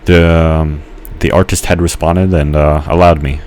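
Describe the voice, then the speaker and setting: A man's voice: a bass voice, flat delivery, unhurried, darkish tone, a little hiss or hum. A man casually rambling while playing a game, hesitant, with many fillers and restarts. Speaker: gamer narrating his gameplay.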